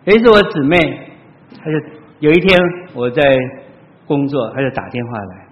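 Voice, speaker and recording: A pastor tells stories to his congregation in a church hall, his voice shifting between loud exclamations and quiet, low asides with big pitch swings at normal speed. The recording is muffled and lo-fi, with long reverb after each phrase.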